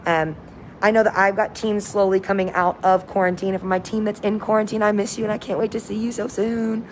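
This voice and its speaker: A woman's voice: medium pitch, flat delivery, a little fast. An upbeat, enthusiastic woman cruise director giving a casual livestream update to viewers. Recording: noticeable background noise, windy ambience.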